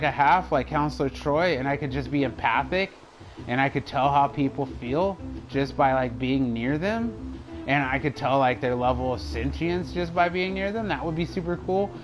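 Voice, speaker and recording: A young man chatting over a live game stream in a loose, rambling way, laughing often. His voice is a bit higher than most men's. Faint music plays behind him. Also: animated, normal speed, poor audio. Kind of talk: casual chat while gaming.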